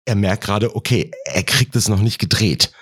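A man's voice: on the low side, lively intonation, moderate pace, fairly bright tone, slightly rough, no echo, clean studio sound. A man telling a comic story in a wry tone, acting out the characters as he goes. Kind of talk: comedic storytelling.

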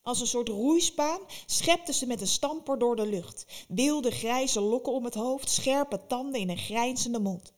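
A woman narrating a fairy tale in a lively, expressive storytelling manner. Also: a little high, unhurried, few pauses.

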